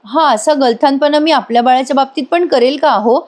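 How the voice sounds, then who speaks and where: A woman reading the lines of a gentle young pregnant wife, soft and caring. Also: high voice, a little fast, pitched above the performer's own voice, natural voice. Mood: worried.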